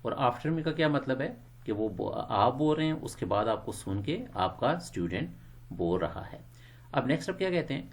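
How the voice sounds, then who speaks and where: A man teaching English phrases to Quran teachers, quick in his explanations and slow and clear when he models a phrase. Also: mid-range voice, lively intonation.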